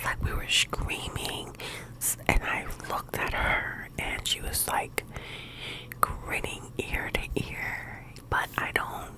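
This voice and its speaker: A woman speaking in a hushed, breathy whisper, quiet as if late at night, rambling casually in halting phrases like a personal ASMR chat. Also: low-quality recording. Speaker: ASMR video host.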